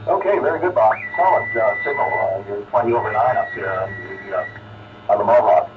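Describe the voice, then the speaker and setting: A man calling in over amateur radio with a casual check-in, phrasing haltingly. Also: fairly low pitch, expressive. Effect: radio transmission. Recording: tinny narrow-band radio link, distant, noisy.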